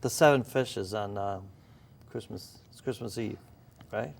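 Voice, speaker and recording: Gravelly middle-aged guy hosting a chat show in a studio, laid back, lets sentences trail off. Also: fairly low pitch, a little slow. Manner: easygoing, trails off mid-sentence. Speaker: talk show host.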